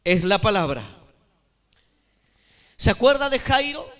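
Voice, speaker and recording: High-voiced pastor preaching in a reverberant hall. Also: male voice, big pitch swings, slow pace, a bit bright. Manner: emphatic preaching with repeated phrases and questions to the congregation. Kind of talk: sermon.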